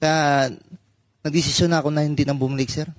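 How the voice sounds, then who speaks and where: A man's voice: on the high side, steady tone, a little fast, no room sound. A man telling a personal story in a hesitant way, with many fillers and "sir" after almost every phrase. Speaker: former marine explaining his discharge. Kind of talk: halting personal testimony.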